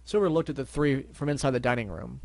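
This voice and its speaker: A man's voice: mid-range voice, fast talker, gravelly, a little mellow, dry recording. A man narrating a scripted story with a congested, stuffy nose from blocked sinuses. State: blocked sinuses, can't breathe through his nose. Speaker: fan fiction reader.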